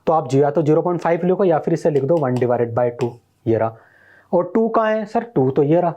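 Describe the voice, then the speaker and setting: A man's voice: fairly high pitch, lively intonation, moderate pace, dark tone, highs cut off. A male math teacher giving a recorded online lesson, explaining step by step and quizzing his students as he goes.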